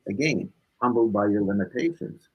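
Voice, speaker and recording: Speaking at normal speed, an interview guest with a husky, fairly low voice talks casually and reflectively. He stresses his key points emphatically, coming back around to repeat them, and the audio sounds dull.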